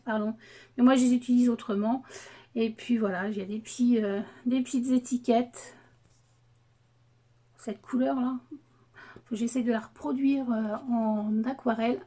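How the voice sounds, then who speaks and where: Slow, mellow-voiced woman unboxing craft papers. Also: a little high. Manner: hesitant, many fillers, enthusiastic about papers. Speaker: crafting vlogger. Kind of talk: casual unboxing chat.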